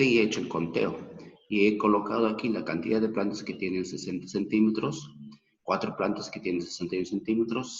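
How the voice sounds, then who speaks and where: Deep-voiced Peruvian teacher in an echoey room. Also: male voice. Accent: Peruvian Spanish. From Peru. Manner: slow, patient, counts aloud step by step. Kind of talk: math lesson. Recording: dull, roomy, echoey recording.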